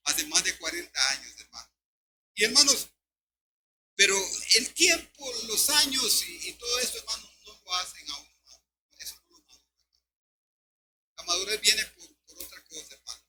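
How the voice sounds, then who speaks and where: An older man, preaching an emphatic sermon as pastor and often calling his listeners brother. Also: high voice. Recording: noisy recording with steady hum.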